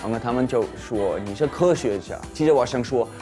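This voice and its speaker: A man's voice: mid-range voice, fairly quick, mellow. A young man from Switzerland with a foreign accent in Mandarin, introducing himself as a dating show contestant in a video. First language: not Chinese. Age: young adult. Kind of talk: narrated video self-introduction. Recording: music playing behind the voice.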